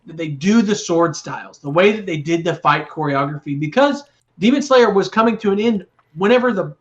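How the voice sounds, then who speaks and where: A man's voice: sits high, a little fast, lo-fi sound. A man co-hosting a podcast, talking casually and eagerly. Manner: enthusiastic, excitable. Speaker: podcast co-host. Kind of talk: casual chat.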